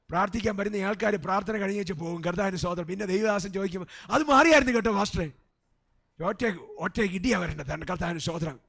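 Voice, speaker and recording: A Malayali pastor preaching with a fairly high-pitched male voice. He drops to soft asides, then climbs to loud shouted peaks. Amens and hallelujahs fill every pause. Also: creaky. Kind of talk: sermon. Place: church service.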